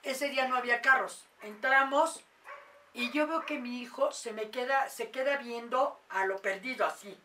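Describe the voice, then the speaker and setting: Bright-voiced woman telling a story. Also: fairly high pitch, moderate pace, far from the mic, slight background noise. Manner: animated, acts out quoted voices. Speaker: mother telling a paranormal story. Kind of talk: casual storytelling.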